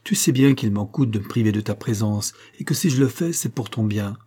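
A man voicing a kind invalid lady who speaks gently but firmly to her young servant, in a read-aloud novel. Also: lowish voice, lively intonation, a little fast, husky. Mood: gentle, firm. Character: kindly invalid lady, firm yet tender.

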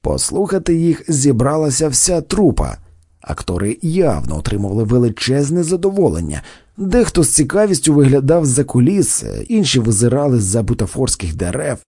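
A man narrating an audiobook in an expressive, wry storytelling manner. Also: mid-range voice, normal speed, husky.

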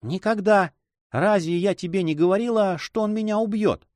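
Anxious young noblewoman, read by a man, high-pitched and pleading, emotional storybook sister. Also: normal speed, a little mellow, no echo, clean studio sound, natural voice. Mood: desperate.

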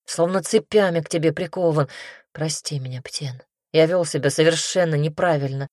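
A remorseful, lovesick young man pleads slowly and sighs between words, as a woman reads him in an audiobook. The voice sits fairly low, and the recording is dry and close. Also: a little mellow, dry recording. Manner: slow, sighing, pleading delivery. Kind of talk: audiobook reading.

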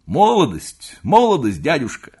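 Man doing an excitable, pleading young nephew. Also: measured pace, husky, exaggerated voice. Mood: excited. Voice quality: eager, pleading, high-strung. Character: excitable young man, teasing his uncle.

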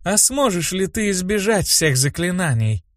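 A man's voice: high-pitched, sing-song, moderate pace, no room sound, clean studio sound, voice pushed up. A man voicing a cool, curious woman mage who watches the quarrel with amusement. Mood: amused.

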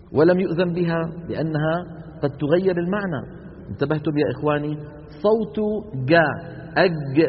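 Man teaching in an echoing lecture hall. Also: fairly high pitch. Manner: explains by example, often checks the class with "انتبهنا؟". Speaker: Quran recitation teacher. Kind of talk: classroom lecture. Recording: dull lo-fi lecture recording in a reverberant hall with faint noise.

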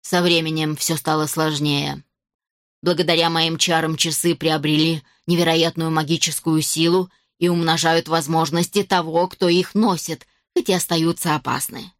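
A woman voicing a cold, haughty elderly female villain who speaks slowly and menacingly, in an audiobook. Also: low-pitched, steady tone, dry recording, clean studio sound, voice pushed down. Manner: slow, menacing, hissing.

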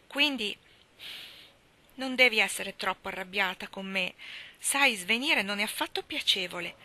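A woman's voice: medium pitch, bright, forceful tone, close to an everyday voice. A woman voicing a talkative, imaginative orphan girl who speaks effusively and theatrically.

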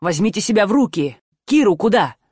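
A woman voicing a stern man who growls firm words to steady others, in an audiobook. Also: mid-range voice, a little fast, breathy edge, no room sound, studio quality.

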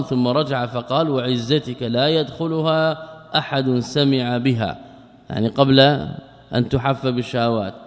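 A man's voice: medium pitch, big-room sound. A man, a sheikh, explaining a creed text in a lesson and often putting rhetorical questions to his students.

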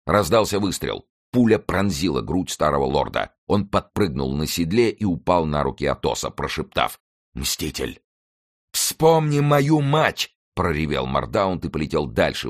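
A man reads an adventure audiobook in a steady, dramatic way. His voice sits very low and deep. The reading is scripted and evenly paced. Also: moderate pace, few pauses, no echo, clean studio sound. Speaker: audiobook narrator. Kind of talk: scripted narration.

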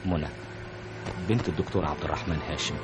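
An actor playing a young doctor who pleads softly with the woman he loves, in an old radio drama. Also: very deep voice, quick pace, over music. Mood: pleading. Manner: soft, pleading, insistent. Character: young doctor, secretly engaged, pleading lover. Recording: noisy old radio drama with car sounds.

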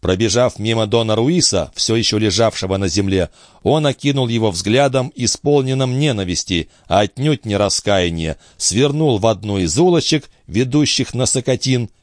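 Man, audiobook narration, dramatic, expressive, lively intonation, dry. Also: on the low side, moderate pace, no room sound.

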